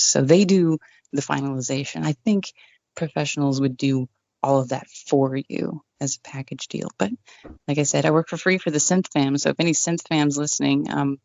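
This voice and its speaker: Chatting casually as an interview guest, a woman who works as an online radio DJ comes across relaxed and self-deprecating, her low voice a little creaky. She records at home in an acoustically untreated room on a condenser desk mic with a pop screen, and the result is dull and dry.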